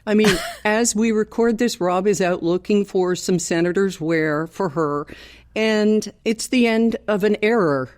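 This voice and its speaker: Huddled under a towel in a hotel room with pillows propped behind the microphone, an older Canadian woman chats casually as podcast co-host. She speaks a little slowly in a medium-pitched, darkish voice, talkative and laughing easily.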